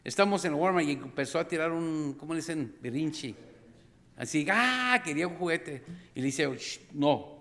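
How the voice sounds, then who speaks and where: A middle-aged man preaching a sermon as pastor, animated, acting out scenes with sudden cries and calling the congregation brothers and sisters. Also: fairly high pitch, fairly quick. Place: church sanctuary. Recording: long reverb of a church hall.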